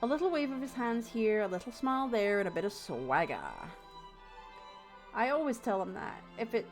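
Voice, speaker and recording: A woman streamer with a slightly high voice reads a story game aloud and breaks in with sarcastic jokes. She plays without headphones, so faint game music comes through behind her. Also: animated, normal speed. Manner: playful, sarcastic asides. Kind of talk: reading game text aloud with commentary. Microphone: desk mic, no headphones.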